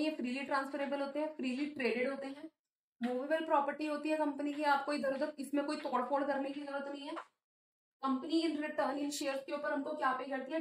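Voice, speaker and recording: A woman teaching a commerce lesson. She asks the class questions, answers them herself, and reads English definitions slowly. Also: sits high, slight background noise. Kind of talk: classroom lecture. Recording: echoey room, a little distant.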